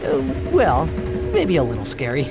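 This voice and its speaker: A man's voice: a little high, huge pitch swings, unhurried, full character voice. A man playing a wisecracking, anxious teenage superhero in a video game, sarcastic and quippy. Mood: sarcastic, nervous. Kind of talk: video game cutscene acting. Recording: loud music over the voice.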